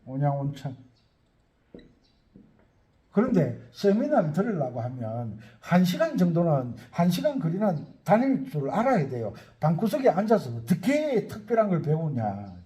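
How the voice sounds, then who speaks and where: This accordion teacher chats with viewers in a loose, rambling way, thinking out loud as he names places. He speaks at normal speed in a slightly high, sing-song voice with a dark tone.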